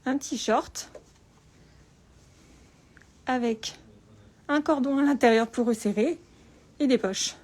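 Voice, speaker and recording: A patternmaker gives an informal spoken tutorial while wearing a face mask, so her high, slightly mellow voice sounds a little muffled. She talks carefully and deliberately, pausing often, and clear room noise can be heard in the background.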